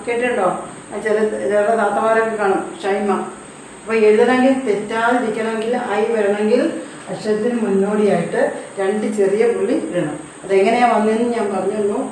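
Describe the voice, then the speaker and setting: A woman's voice: medium pitch, steady tone, a little fast, a little mellow, a little hiss or hum. A woman teaching a language lesson, spelling out syllables one by one, repeating each word and patiently explaining what it means. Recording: echoey room heard from a distance.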